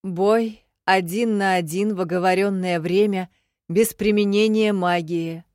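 A woman's voice: medium pitch, steady tone, a little slow, darkish tone, no room sound, pitched above the performer's own voice, lightly acted. A woman voicing a formal male court secretary who speaks in an official tone in an audiobook, in a dry recording. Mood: proclaiming. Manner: official, proclaiming.

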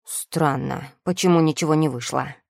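A woman voicing a grumpy, loud-mouthed male furry familiar creature who scolds and yells indignantly. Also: low-pitched, moderate pace, gravelly, no echo, studio quality. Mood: grumbling, indignant.

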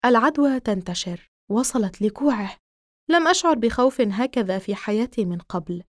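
A woman narrating a horror novel in the first person as an audiobook, in a steady, measured reading. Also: fairly high pitch, no room sound, studio quality.

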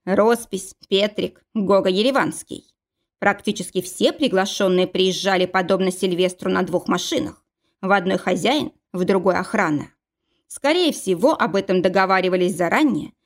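A woman narrating a first-person audiobook in a steady, even reading style. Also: mid-range voice.

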